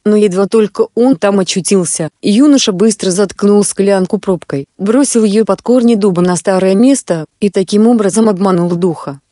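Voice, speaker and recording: A woman reads a classic fairy tale aloud in a measured storytelling voice. Her tone is warm and unforced. The recording is dry, with no room echo. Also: medium pitch. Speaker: narrator. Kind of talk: scripted fairy-tale reading.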